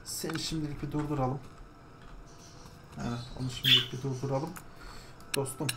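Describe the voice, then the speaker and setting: A woman's voice: very deep voice, fairly even intonation, moderate pace. A woman streamer casually talking through her gameplay, chatty, now and then coaxing her pet bird. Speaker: gaming streamer. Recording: echoey room with background noise. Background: a bird squawking.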